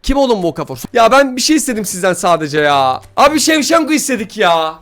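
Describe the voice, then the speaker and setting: A young man giving excited gameplay commentary while opening player packs, pleading and grumbling in frustration by turns. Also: high voice, quick pace. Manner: swings from pleading to loud frustration.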